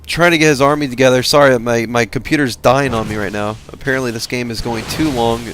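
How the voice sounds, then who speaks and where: A man giving casual commentary on a strategy game replay, tired and halting, with many fillers. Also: mid-range voice, fairly even intonation, a bit bright, slight background noise. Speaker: game caster.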